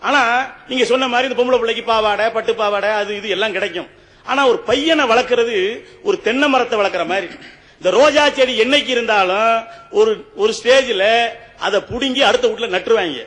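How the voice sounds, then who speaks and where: A man's voice: very high voice, a little fast, fairly bright tone, long reverb tail. A man giving a humorous, rhetorical debate speech on stage and often turning to address the judge.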